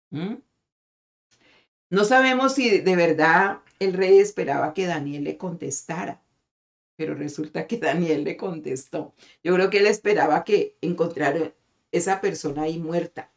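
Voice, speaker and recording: A middle-aged woman pastor gives a devotional sermon over an online meeting call. Her voice sits low, and she talks expressively, pausing often to put rhetorical questions to her listeners. She slows down whenever she reads scripture aloud.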